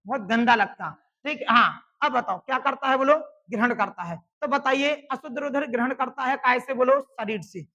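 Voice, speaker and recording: High, bright woman drilling a class. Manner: drills students with call-and-response questions; repeats answers slowly and loudly for emphasis. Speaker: teacher. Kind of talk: classroom science lesson.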